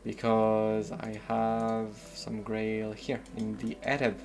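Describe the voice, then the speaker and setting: This French streamer, from Paris's southern suburbs and speaking with a French accent, thinks aloud while playing, making casual comments laced with hesitant fillers. His low-side voice is slow and completely flat.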